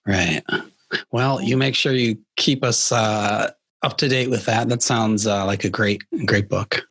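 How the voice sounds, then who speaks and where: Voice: mid-range voice, a little slow, a bit bright, slightly rough, no echo. A podcast host who asks brief questions and backs the guest with short acknowledgements. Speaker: interview host. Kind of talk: podcast interview.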